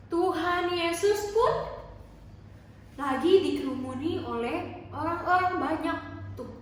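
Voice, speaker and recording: A woman telling a story to toddlers as their Sunday school teacher, in a slow, sing-song, animated way. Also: high voice, heavy reverb, distant mic, slight background noise.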